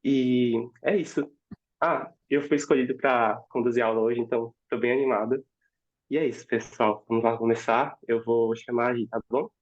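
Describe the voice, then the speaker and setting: A man's voice: medium pitch, steady tone, moderate pace, dull audio. A man hosting an online class, encouraging and checking in with listeners often, with a cold affecting his voice. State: has a cold, voice may crack. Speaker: class instructor. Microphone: video call.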